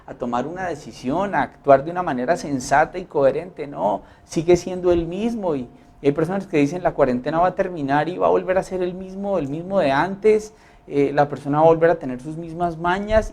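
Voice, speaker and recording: Earnest Colombian preacher, higher voice. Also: male voice, darkish tone. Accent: Colombian Spanish. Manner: preaching earnestly, acting out quoted complaints and prayers. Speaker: pastor. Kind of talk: sermon.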